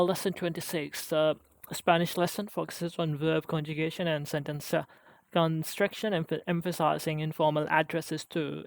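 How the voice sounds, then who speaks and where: A man practicing language conjugations aloud on his own, halting and restarting often as he works through a lesson. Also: a little high, clean tone, dry recording. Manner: halting, with frequent restarts and hesitations. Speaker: language learner. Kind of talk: self-study language practice.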